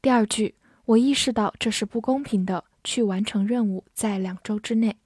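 A woman's voice: mid-range voice, normal speed, darkish tone, breathy edge, dry recording, studio quality. A woman teaching English vocabulary, saying each word twice and then giving its meanings, in scripted lesson narration.

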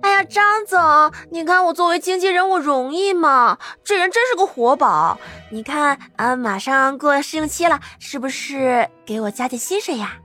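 Woman voicing a squeaky, sharp, whining agent for a storybook. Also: expressive, moderate pace, few pauses, faint music behind. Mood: wheedling. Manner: wheedling, pleading. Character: whiny, scheming talent agent.

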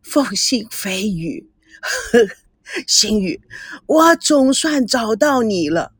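A woman voicing an elderly grandfather, overcome with emotion, who speaks in hushed, halting, tearful bursts with a breathy, dry sound. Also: fairly high pitch, big pitch swings, no room sound, heavily acted. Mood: overjoyed.

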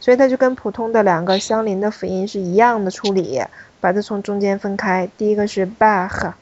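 A woman's voice: medium pitch, fairly even intonation, brisk, a little mellow. Woman teacher walking a class thru syllable rules, repeats stuff, kinda dull classroom audio. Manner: explanatory, repeats key points, calls on students. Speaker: French teacher.

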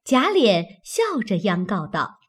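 A woman's voice: medium pitch, takes it slowly, slightly rough. A woman reading a classic Chinese novel aloud, narrating expressively and voicing the characters. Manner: expressive, teasing in the maid's lines. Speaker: audiobook narrator.

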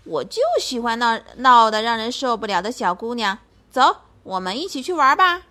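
A woman voicing a very old, half-deaf and sly male circus bear with a slow, drawling voice. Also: fairly high pitch, expressive, pushed and bright.

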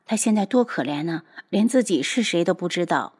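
一位女性朗读者演绎一位撒娇又嘴利的怀孕王妃。. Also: female voice, on the low side, expressive, a little fast, a little mellow, slightly rough. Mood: coquettish. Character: spirited pregnant princess wife.

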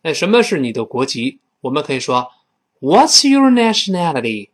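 活泼的男英语老师，带中文口音. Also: male voice, mid-range voice. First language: Chinese. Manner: animated, repeats phrases slowly for learners to copy. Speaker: English teacher. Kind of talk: spoken English lesson.

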